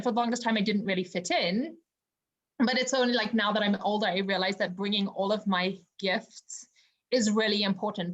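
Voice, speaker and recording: A woman from Zimbabwe, a podcast guest talking over a remote call from home, earnest and reflective, with many fillers. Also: mid-range voice. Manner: earnest and reflective, with frequent fillers like "you know". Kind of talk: casual interview conversation.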